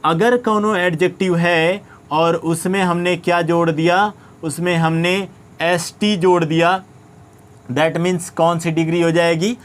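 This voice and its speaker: A man's voice: on the high side, level tone, takes it slowly. A man with an Indian accent teaching a grammar lesson, asking questions and answering them himself while often checking understanding. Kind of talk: classroom-style grammar lesson.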